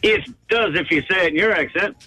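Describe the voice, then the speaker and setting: A man from New Zealand's South Island with a New Zealand accent, calling in to a radio show with deadpan jokes. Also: high voice, fairly quick, soft background music. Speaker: caller.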